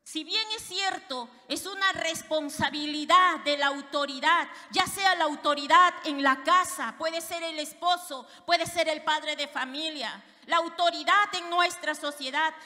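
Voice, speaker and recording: A woman pastor preaches fervently, calling her congregation "brothers" again and again. Her voice is high and bright. It carries through a church with long, hall-like reverb. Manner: fervent, addressing the congregation directly. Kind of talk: sermon.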